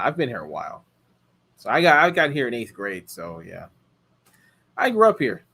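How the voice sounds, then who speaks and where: Answering viewer questions during a casual live chat, an American man in his thirties who hosts a car rental channel rambles along with plenty of fillers and restarts. He speaks in a medium-pitched, slightly bright voice.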